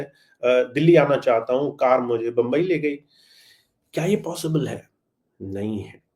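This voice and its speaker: A man's voice: mid-range voice, vocal fry. A man giving a live spiritual talk, answering listeners' questions in an earnest, friendly way and slipping in English phrases. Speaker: spiritual teacher.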